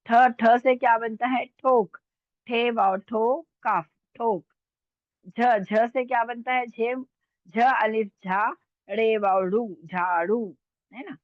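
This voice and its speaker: Lady teacher going over letters slow and patient, tinny dry phone-ish audio. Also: on the high side, no echo. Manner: patient, repeats sounds slowly, checks with "है ना?". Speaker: Urdu teacher. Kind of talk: online language lesson.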